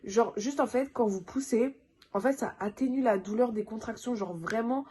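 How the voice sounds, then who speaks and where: A young woman vlogger tells a story to camera in a casual, animated way, scattering filler words as she goes. Her voice sits a little higher than most women's. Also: normal speed. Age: young adult.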